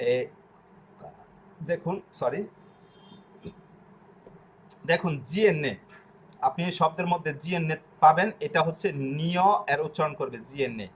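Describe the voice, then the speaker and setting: A man teaching an online language class, explaining slowly, repeating himself and often pausing on fillers. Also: high-pitched. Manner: slow, repetitive explaining with frequent fillers.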